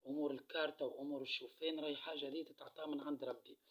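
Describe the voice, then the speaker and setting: Fast, husky Tunisian man reading cards. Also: a little high, steady tone, low-quality recording. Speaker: card reader. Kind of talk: casual card-reading monologue.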